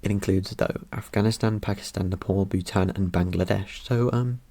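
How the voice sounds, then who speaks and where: A man's voice: deep voice, fairly even intonation, moderate pace, warm tone. A young man chatting casually about his ancestry results, rambling and joking with lots of ums and uhs. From Britain. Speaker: vlogger. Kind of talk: casual commentary over results.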